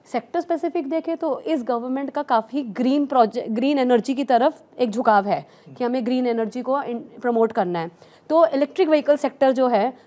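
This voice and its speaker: A woman with a fairly high voice speaks as a tax expert on a news panel. She talks in an explanatory manner, working English terms into her sentences as she lays out her points. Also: mellow.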